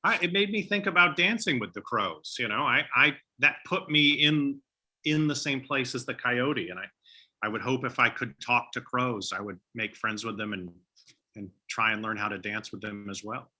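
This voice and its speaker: A man's voice: medium pitch, normal speed, sharp tone. A middle-aged man speaking as an interview guest, thoughtful and earnest in a casual chat about books. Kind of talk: casual reflective book chat.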